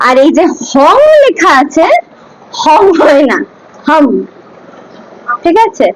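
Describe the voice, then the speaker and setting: A woman with a very high voice leads a class through scripture pronunciation. She speaks slowly, drilling each syllable patiently and having students repeat after her. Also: lively intonation, slight background noise, low-quality recording. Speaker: Gita teacher. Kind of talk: slow pronunciation lesson.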